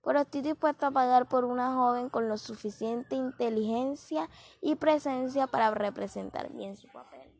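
A woman voicing a scheming middle-aged man who talks smoothly and persuasively in a read-aloud story. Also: high voice, moderate pace, darkish tone.

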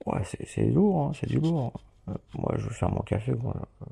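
A man's voice: mid-range voice, animated, moderate pace, vocal fry, dark tone, breathy edge. A man recording a casual audio diary from a hospital, rambling, swearing often and laughing as he talks. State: hospital patient. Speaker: podcast host.

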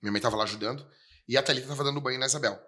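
Fast-talking pastor. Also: male voice, medium pitch. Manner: animated storyteller, repeats lines for emphasis. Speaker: pastor, podcast co-host. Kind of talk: casual podcast chat.

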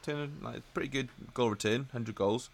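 A man's voice: mid-range voice, gravelly. A man, co-hosting a podcast and chatting casually and jokily. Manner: chatty, jokey, quick asides. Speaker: podcast co-host. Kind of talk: casual chat.

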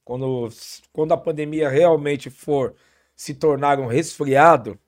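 A man's voice: fairly high pitch, unhurried. A man telling stories in a casual podcast chat, full of slang and restarts. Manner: relaxed storytelling, heavy slang, frequent restarts. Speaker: podcast guest.

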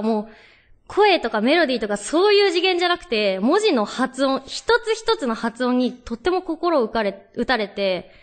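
A young woman hosts a radio talk show in a chatty, storytelling way, reading listener letters between anecdotes. Her voice sits high and moves animatedly up and down.

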